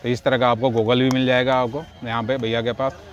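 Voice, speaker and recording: A man's voice: mid-range voice, little pitch movement, fairly quick, highs cut off, faint music behind. Man touring a street market stall. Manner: echoes each price back, says "bhaiya" often. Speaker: vlogger. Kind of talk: casual market walkthrough, repeating prices for viewers. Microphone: handheld phone camera.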